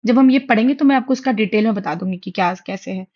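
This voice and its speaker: Lo-fi sound captures a young woman with a slightly high voice and quick pace teaching an online exam-prep lecture. Switching between Hindi and English, she writes on a tablet and keeps things friendly and reassuring, frequently asking students "theek hai?"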